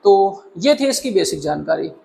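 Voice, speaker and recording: A man's voice: on the high side, very animated, moderate pace, gravelly, a little mellow, low-quality recording. A male teacher with a Hindi accent explains grammar step by step. He often asks questions and then answers them himself. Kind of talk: classroom grammar lesson.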